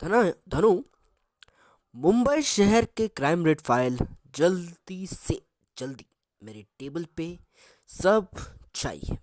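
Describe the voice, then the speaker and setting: A man voicing a brisk, commanding new police officer giving orders to his team. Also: sits high, sing-song, a little mellow, no room sound, studio quality, full character voice.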